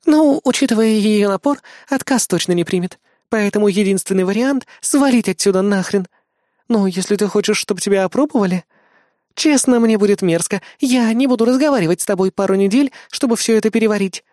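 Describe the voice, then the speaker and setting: Reader doing a blunt, sneering woman assistant, voice pushed high, close and dry. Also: brisk, a little mellow, dry recording, natural voice. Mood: exasperated. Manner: scolding, mocking. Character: sarcastic female assistant, blunt and exasperated.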